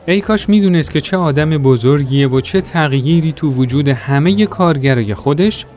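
A man reading a first-person story aloud in a gentle, reflective way. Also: on the high side, expressive. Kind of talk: scripted narration of a story. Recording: soft music behind the voice.

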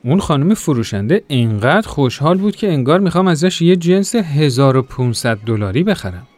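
A man reading a first-person story aloud in a gentle, reflective way. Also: a little high, very animated. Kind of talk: scripted narration of a story. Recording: soft music behind the voice.

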